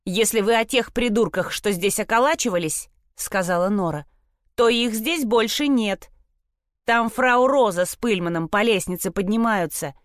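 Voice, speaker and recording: A woman reading an audiobook, voicing a bossy, loud young girl who scolds the boys. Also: medium pitch, moderate pace, no echo, studio quality, pitched above the performer's own voice, close to an everyday voice. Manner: scolding, brash.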